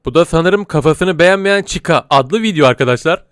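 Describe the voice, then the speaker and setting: Jokey video host, man: high-pitched, animated delivery, soft music underneath. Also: moderate pace. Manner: joking, laughing often. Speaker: YouTube host. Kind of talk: reaction commentary.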